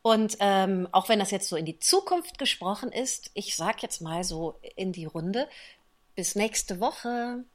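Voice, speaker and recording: A woman co-hosting a podcast, chatting casually and a bit haltingly with fillers. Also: medium pitch, lively intonation. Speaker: podcast co-host. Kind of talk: casual chat.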